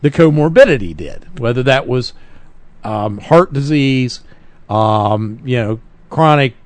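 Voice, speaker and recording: A man's voice: medium pitch, expressive, slow pace, no room sound. A man co-hosting a political talk podcast, speaking earnestly and emphatically, often correcting himself mid-sentence. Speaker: podcast co-host. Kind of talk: political talk radio chat.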